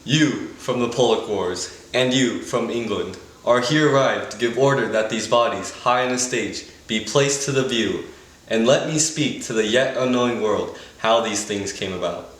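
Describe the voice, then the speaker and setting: A man's voice: medium pitch, normal speed, fairly bright tone, natural voice. Man acting a loyal friend, very echoey. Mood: solemn. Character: loyal grieving friend of a prince, solemn. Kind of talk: classical Shakespeare stage acting. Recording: very echoey room.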